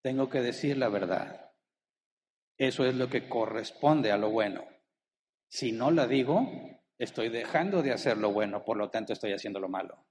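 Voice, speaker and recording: A man preaching at a mid pitch, his voice trailing in a lingering church-hall reverb with faint room ambience underneath. He speaks in a sermon style, pausing on rhetorical questions to the congregation. He slows right down to land his main points. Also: animated, a little mellow, a little hiss or hum. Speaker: pastor.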